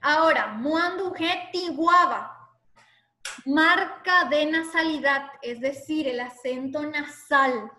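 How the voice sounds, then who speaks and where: A woman teaching an online class, explaining slowly and patiently and spelling out sounds one by one. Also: high-pitched, bright, forceful tone.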